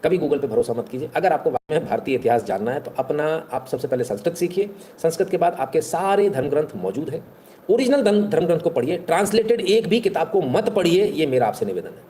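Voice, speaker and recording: Fast-talking man. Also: fairly high pitch, expressive, dark tone, a little hiss or hum. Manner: rhetorical, keeps asking "है ना?". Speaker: online history talk host. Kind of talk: casual talk to viewers.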